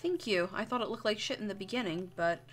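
Slight background noise accompanies this young woman's quick, mid-range voice. A streamer and artist, she chats loosely while drawing on her livestream, jokey and rambling, swearing often.

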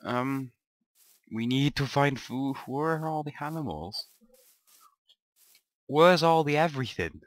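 A man's voice: mid-range voice, animated, takes it slowly, long pauses, dry recording. A young man giving rambling, grumbling commentary over his own gameplay, often swearing to himself. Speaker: gamer narrating a let's play.

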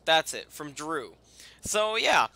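A man giving casual, halting and rambling commentary over a video game as its host. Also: on the high side, very animated, bright, forceful tone. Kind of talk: casual let's play commentary.

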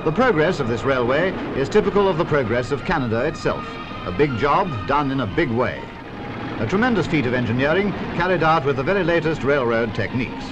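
A man's voice: mid-range voice, big pitch swings, a little fast. A man narrating an old 1950s newsreel in an emphatic, upbeat announcer's delivery. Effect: old 1950s newsreel soundtrack. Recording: dull lo-fi film soundtrack with music. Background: music.

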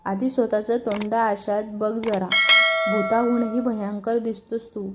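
A woman's voice: a little high, level tone, unhurried, heavy background noise, natural voice. Woman narrator doing angry young woman, insulting, hot-tempered, raised voice.

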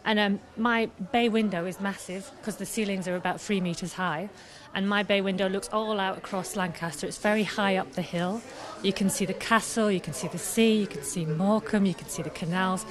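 Live in a busy pub, a young Scottish woman, an artist guest, talks enthusiastically into the host's handheld microphone, filling her answers with plenty of fillers. Her mid-range voice stays steady and runs a little fast.

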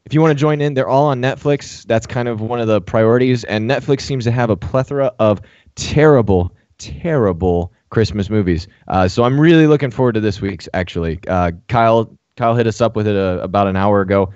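A man's voice: fairly low pitch, a little fast, a little mellow, no echo, dull audio. A man co-hosting a casual podcast, chatting with many fillers. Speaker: podcast co-host. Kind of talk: casual chat.

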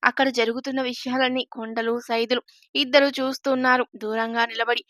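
A woman storyteller narrating a serialized storybook tale in a steady reading voice with emphatic exclamations. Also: fairly high pitch, fairly quick, no echo.

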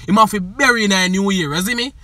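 High bright Jamaican man reviewing songs. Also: quick pace, dry recording. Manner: emphatic, keeps asking "you see me". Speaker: music reviewer. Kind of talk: casual song commentary.

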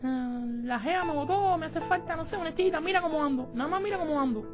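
A squeaky hotheaded Cuban guy. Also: quick pace. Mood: pleading. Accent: Cuban Spanish. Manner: whiny pleading, then yelling in a rage. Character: excitable heartbroken young man, broke and hotheaded. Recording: music playing underneath.

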